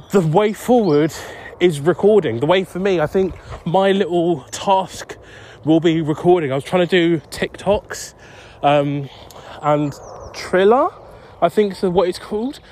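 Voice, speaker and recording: A man's voice: sits high, darkish tone, slight background noise. A young man rambling through a casual solo podcast while out walking, distracted and self-deprecating. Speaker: podcast host. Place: outdoors on a street.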